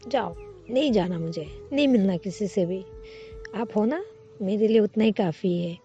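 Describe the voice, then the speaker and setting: A woman's voice: mid-range voice, normal speed, mellow, dull audio, soft background music, close to an everyday voice. A woman voicing a shy, emotional young woman employee who pleads tenderly.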